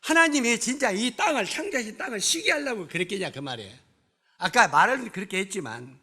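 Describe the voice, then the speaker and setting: In a church sanctuary, a male pastor preaches a sermon in a high, pushed, bright voice. He keeps firing rhetorical questions at the congregation and scolds them bluntly but with humor.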